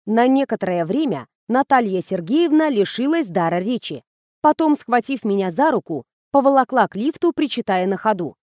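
Woman narrator, first-person novel, lively, ironic, dry close sound. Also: fairly high pitch, normal speed, no echo. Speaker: audiobook narrator.

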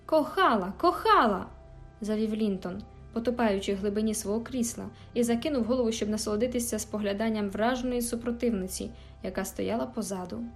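A female audiobook narrator reads a novel aloud from a script in a measured, expressive storytelling style. Her voice is medium in pitch, and faint music plays in the background.

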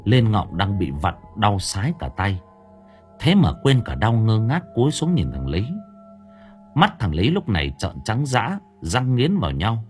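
A man narrating an audiobook in a lively, humorous storytelling manner. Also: fairly low pitch, a little slow. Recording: faint music behind.

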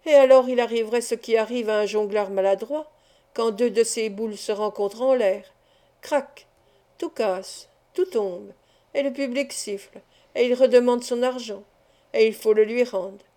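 Wry little street acrobat, sententious and teasing, mellow higher voice, read by a woman. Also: normal speed, close to an everyday voice. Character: clever small male street acrobat, wry.

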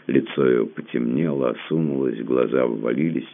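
A man narrating a literary audiobook in a dramatic, expressive reading. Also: very deep voice, moderate pace, creaky. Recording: narrow phone-like band.

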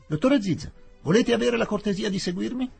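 A man voicing a nervous police inspector with a shrill, high, overly formal voice. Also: lively intonation, fairly quick, vocal fry, darkish tone, husky, soft background music, exaggerated voice. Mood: anxious.

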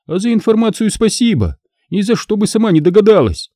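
Man doing a scheming young woman, high sneering voice, taunting, swings widely, dry close sound. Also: sing-song, brisk, warm tone, no room sound. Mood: gloating mockery. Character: spiteful scheming young woman, mocking and shrill.

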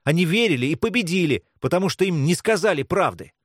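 Guy doing a high-strung teen girl, snappy and pleading, really jumpy voice, dead dry sound. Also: expressive, fast, no echo. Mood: earnest. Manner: sharp and impassioned, snapping between pleading and scolding. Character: tense, defensive teenage girl with a painful secret. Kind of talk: audiobook character voice.

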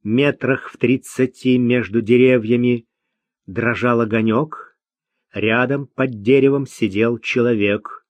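A man reading an audiobook in a measured, even narration. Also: medium pitch, no echo.

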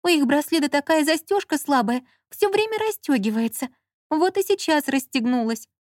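Женщина в аудиокниге озвучивает молодую капризную обидчивую героиню жалобным высоким голосом. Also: female voice, lively intonation, normal speed, dry recording, studio quality. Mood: plaintive. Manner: plaintive, pouting, high-pitched. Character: young woman Lola, fussy, whiny and touchy. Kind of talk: audiobook character reading.

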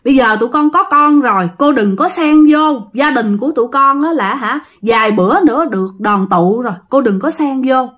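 A woman's voice: high-pitched, lively intonation, moderate pace, few pauses, a bit bright. A woman with a Southern Vietnamese accent voicing a lovesick young male ghost who pleads and insists. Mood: pleading.

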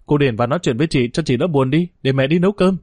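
A man's voice: a little high, racing, darkish tone, no room sound, natural voice. A man voicing a village mother whose voice turns pleading and distraught. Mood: gentle. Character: frantic grieving village mother.

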